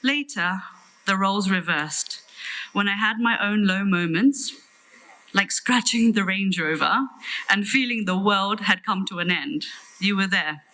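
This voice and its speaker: Bright-voiced British woman giving a tender eulogy. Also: mid-range voice, low-quality recording. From London, England. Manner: tender, solemn, measured delivery. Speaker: sister giving a farewell eulogy. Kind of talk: prepared eulogy speech.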